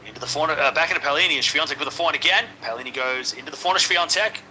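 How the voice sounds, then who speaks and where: A man giving casual live play-by-play of tennis matches, excitable and chatty, talking straight to his viewers. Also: on the high side, rapid-fire, slight background noise, rough recording. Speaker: live-stream tennis commentator. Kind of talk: casual watch-along play-by-play commentary.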